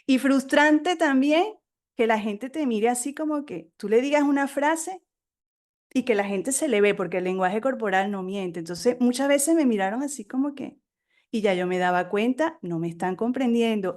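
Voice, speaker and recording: A middle-aged woman with a fairly high voice, a native Spanish speaker and a talkative storyteller. She talks as an author being interviewed on a podcast, warm with anecdotes and lively. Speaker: guest author.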